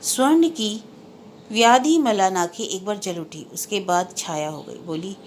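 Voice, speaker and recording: Woman narrator, audiobook novel reading, measured, literary, mid pitch, faint background hiss.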